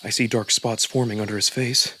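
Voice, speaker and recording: A man narrates a visual novel in the first person as a narrator and voice performer, theatrical and immersed in the story. His low-leaning voice is brisk, steady and sharp, with a little hiss or hum and music under the voice.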